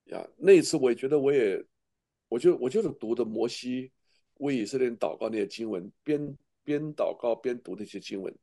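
A man's voice: medium pitch, lively intonation, a little fast, dark tone. A middle-aged man, a pastor, preaching a sermon with earnest, emotional testimony and frequent restarts.

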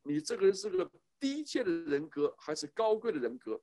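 A middle-aged man preaching on parenting, his voice sitting high and leaping all over the place. He talks emphatically and keeps tossing rhetorical questions at his listeners. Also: very animated, a little fast, darkish tone. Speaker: church speaker. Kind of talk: sermon on parenting.

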